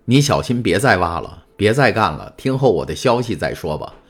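A man's voice: lowish voice, very animated, fairly quick. A man voicing a secretive, calculating older male prisoner who speaks in guarded questions in an audiobook. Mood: grave. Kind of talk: audiobook character voice.

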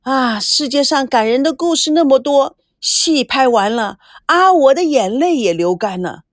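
Audiobook: a lively, teasing woman on a film crew, bright and higher-pitched, read by a woman. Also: dry recording, studio quality. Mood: chatty. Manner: chatty and teasing, lots of drawn-out particles.

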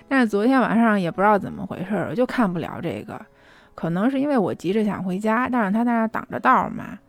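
Young woman, casual vlog storytelling, chatty, very animated intonation, mid-pitched. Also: fast talker, vocal fry. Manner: lively, chatty retelling. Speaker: vlogger.

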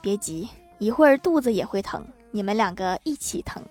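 A woman narrating short comic jokes in a scripted style, adding deadpan quips after each one. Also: mid-range voice, normal speed, soft background music. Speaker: joke-telling narrator.

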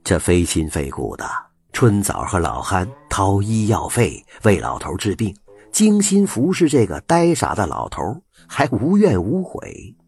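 A man telling a folk tale with an animated, expressive delivery. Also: fairly low pitch, measured pace, slightly rough, soft background music. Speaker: storyteller.

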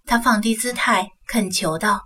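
Husky woman narrating a novel. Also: mid-range voice, normal speed, sharp tone, recorded from a distance. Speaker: audiobook narrator.

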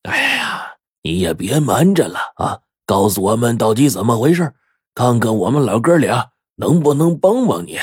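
A man's voice: lowish voice, wildly swooping pitch, brisk, darkish tone, husky, no room sound, clean studio sound, full character voice. A man voicing a blunt, nosy elderly man in a nursing home who pries and protests. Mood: kind. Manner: prying, indignant.

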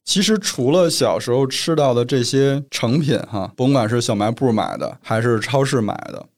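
A man's voice: medium pitch, expressive, normal speed, a little mellow. A man from northern China, co-hosting a casual chat and telling stories at length. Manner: storytelling, explains at length. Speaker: podcast co-host.

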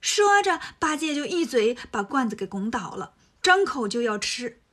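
High, husky woman storyteller. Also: animated, normal speed, fairly bright tone. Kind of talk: children's story narration.

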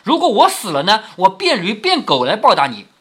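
A man's voice: high voice, huge pitch swings, brisk, sharp tone, husky, heavily acted. A man reading as a pleading, tearful young maid.

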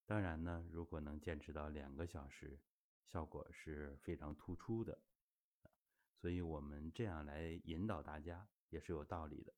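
A man's voice: a bass voice, fairly even intonation, moderate pace, darkish tone. A middle-aged man teaching a health exercise, explaining steadily and patiently with frequent filler particles. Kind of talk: spoken teaching talk.

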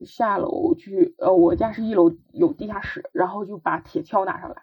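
Husky-voiced young woman telling her story. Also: medium pitch, fairly even intonation. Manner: earnest, halting, with frequent restarts. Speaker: podcast guest. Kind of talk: personal storytelling. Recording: dull lo-fi recording.

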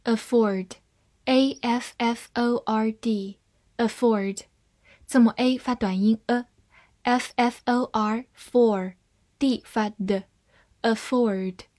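A woman with a fairly high voice leads a scripted vocabulary lesson. She speaks slowly, spelling out each word letter by letter before modeling it carefully. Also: fairly even intonation, a little mellow. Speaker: English vocabulary teacher.

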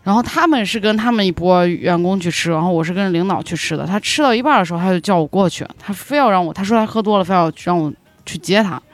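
Fast-talking woman telling a story. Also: lowish voice, no room sound. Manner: animated, laughing retelling. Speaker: podcast guest. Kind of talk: casual storytelling.

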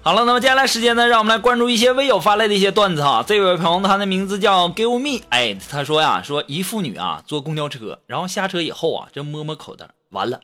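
A man's voice: sits high, big pitch swings, fast talker, hardly any pauses, sharp tone. Chatty, teasing male comic host. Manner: chatty, teasing, laughs at his own jokes. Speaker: podcast host reading listener jokes. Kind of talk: comic joke-telling show. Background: background music.

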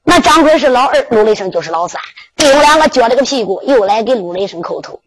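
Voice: mid-range voice, expressive, fast talker, noisy background. A storyteller with a Henan accent, chanting and narrating a Henan zhuizi tale.

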